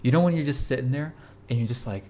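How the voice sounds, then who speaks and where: A man's voice: medium pitch, fast, mellow. A man in his twenties giving a casual motivational talk to camera, urgent and repetitive, blunt, with casual swearing. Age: 20s. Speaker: fitness vlogger.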